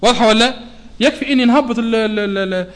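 Man, Tunisian accent, high voice, recitation teacher, keeps asking if it's clear. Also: fairly bright tone. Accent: Tunisian Arabic. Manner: demonstrative, checks understanding often, slows to model sounds. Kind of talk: tajwid lesson to a class.

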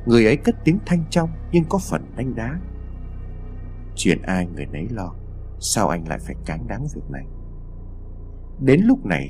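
A man narrating an audio story in a dramatic, expressive reading. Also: medium pitch.

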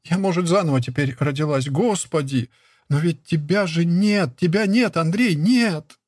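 A man's voice: on the high side, expressive, moderate pace, a little mellow, breathy edge, no room sound, clean studio sound. A man reading a young village wife who pleads and frets in a raised, plaintive voice. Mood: pleading. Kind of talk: audiobook character reading.

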